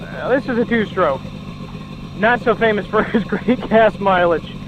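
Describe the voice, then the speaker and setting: A man's voice: sits high, measured pace. A young man in a helmet chatting casually and joking as he rides a motorcycle in the rain. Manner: chatty, joking running commentary. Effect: muffled voice from inside a helmet. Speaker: motorcycle vlogger. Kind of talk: casual chat while riding. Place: outdoors, riding a motorcycle in the rain. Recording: loud engine and road noise.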